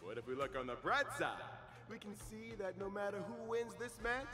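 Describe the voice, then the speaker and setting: A man's voice: high voice, sing-song, a little fast. An actor playing a showy, theatrical male fight announcer in a video game, upbeat and dramatic. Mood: hyped. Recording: echoey arena reverb, music behind.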